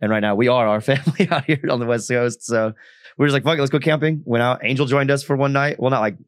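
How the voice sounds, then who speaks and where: A man's voice: mid-range voice, fast talker, dry recording, studio quality. A man chatting casually as a podcast guest, laughing often and swearing easily. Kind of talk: casual chat.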